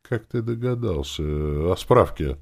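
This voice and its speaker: A shy, tearful young elf girl, played by a man in a storybook reading. She speaks softly and haltingly, her voice lifted above a low male register. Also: expressive, vocal fry, exaggerated voice. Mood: timid. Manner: soft, hesitant.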